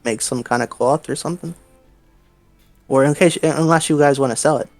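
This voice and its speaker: A man playing a tabletop game, chatting casually as he describes his actions and haltingly thinks out loud. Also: medium pitch, no echo, faint music behind.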